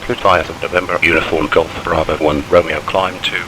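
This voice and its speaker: Deep male pilot, procedural radio callouts, heavy engine noise underneath. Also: flat delivery, fairly quick. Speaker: streamer acting as airline pilot. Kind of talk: pilot radio calls and readbacks. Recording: loud cockpit engine noise.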